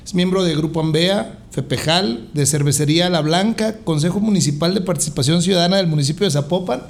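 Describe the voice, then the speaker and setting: A podcast host with a Mexican accent keeps a casual interview chat jovial and full of jokes. His voice is a little high and a little fast, with vocal fry.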